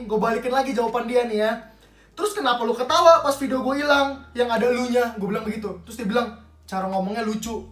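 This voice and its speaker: A man's voice: high-pitched, a bit bright, distant mic. A young man with Jakarta slang, ranting angrily and swearing a lot in a commentary vlog. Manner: angry, profane, rapid ranting. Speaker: YouTuber. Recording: roomy echo, slightly off-mic.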